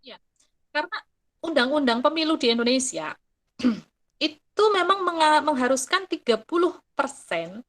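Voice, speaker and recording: A middle-aged woman explains things in a lively, chatty way. Her voice sits a little high, and she drops into quick acted quotes and local sayings. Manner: animated, mixing in Javanese quips and acted quotes. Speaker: guest speaker. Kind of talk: casual explanatory talk.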